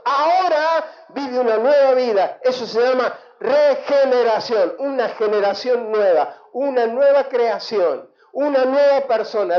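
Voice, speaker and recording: A man with an Argentine Spanish accent, a pastor giving an emphatic sermon and calling for responses from the congregation. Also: very high voice. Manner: emphatic preaching with call-and-response. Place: church hall. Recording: echoey church hall, dull lo-fi sound.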